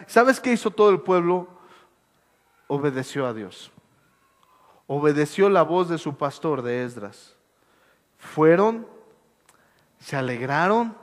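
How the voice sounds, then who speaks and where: Animated high-voiced preacher. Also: male voice. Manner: animated, swings from soft to shouting. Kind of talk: sermon. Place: church hall. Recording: echoey church hall with long reverb.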